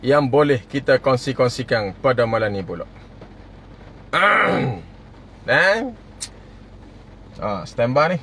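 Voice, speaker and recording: A man's voice: medium pitch, very animated, slow, gravelly, pauses often, sharp tone, slight background noise. A man hosting a casual live stream, greeting viewers by name and chuckling often.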